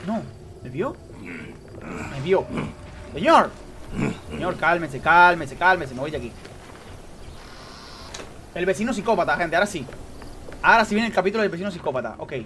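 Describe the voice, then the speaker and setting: A man doing live gameplay commentary, excitable, repeating phrases rapidly and talking straight to his chat. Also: high voice, a little hiss or hum. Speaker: gaming streamer.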